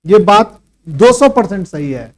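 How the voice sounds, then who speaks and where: Speaking in a high-pitched, sing-song voice without hurrying, a male math teacher quizzes his class and scolds them. His lecture turns into a stern pep talk on working hard at home, full of rhetorical questions.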